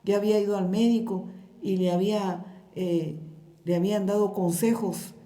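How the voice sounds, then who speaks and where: A woman's voice: medium pitch, steady tone, moderate pace, warm tone, reverberant. A woman pastor with a Guatemalan Spanish accent, telling stories in a sermon and speaking straight to the congregation. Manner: storytelling, addresses the congregation directly. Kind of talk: sermon with testimony.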